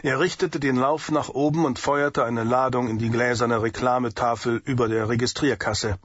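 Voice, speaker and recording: A man narrating an audiobook thriller in a steady, measured way, in a dull lo-fi recording. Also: mid-range voice, slightly rough, no echo. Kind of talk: scripted narration.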